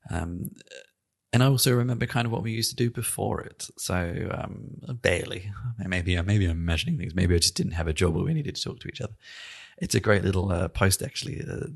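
A podcast host and interviewer talks in a conversational, musing, wry way, frequently hedging as he speaks. His voice is low, creaky and slightly rough.

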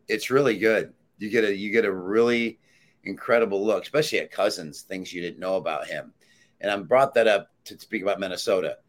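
A man working as a sports handicapper, with a very deep, low voice. He gives his betting picks with confident, emphatic calls.

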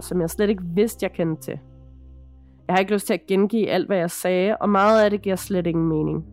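A woman's voice: mid-range voice, darkish tone. Female podcast host, dramatic horror storyteller, mid-range voice, faint music underneath. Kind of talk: scripted first-person horror narration.

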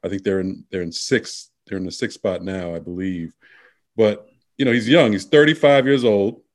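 A man's voice: lowish voice, normal speed. Rambling man talking college football. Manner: rambling, many fillers and restarts. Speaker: sports talk co-host. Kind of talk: casual sports chat.

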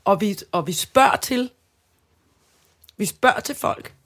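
Earnest Danish woman, halting speech. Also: mid-range voice, animated, fairly bright tone. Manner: earnest, halting, many restarts and fillers. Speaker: podcast co-host. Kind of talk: casual chat.

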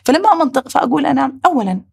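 A woman with a Saudi accent hosting a heartfelt talk, reflecting aloud in rushed bursts. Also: high voice, big pitch swings, gravelly, darkish tone. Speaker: podcast host.

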